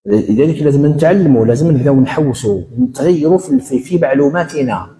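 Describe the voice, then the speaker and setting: A man with an Algerian accent giving a religious lecture as an educational counselor, animated and acting out little dialogues as he goes. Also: mid-range voice, fast talker. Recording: roomy hall reverb.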